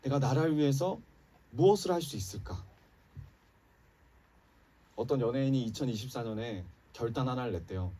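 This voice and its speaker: A man's voice: mid-range voice, lively intonation, moderate pace, long pauses, mellow. A man preaching a Sunday sermon as pastor, speaking passionately and addressing the congregation directly. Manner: impassioned preaching, rising and dropping emphatically, addresses congregation. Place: church sanctuary. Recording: church sermon recorded from a distance.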